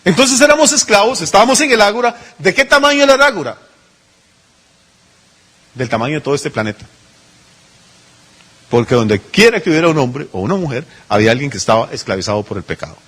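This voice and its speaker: A man's voice: a little high, very animated, brisk, pauses often, fairly bright tone. A male pastor, preaching a sermon in a conversational way, full of rhetorical questions and little acted-out asides.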